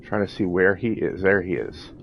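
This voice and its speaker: Low-voiced man casually narrating gameplay. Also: moderate pace, gravelly, muffled recording, slight background noise. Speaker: video game player and commentator. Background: game music and sound.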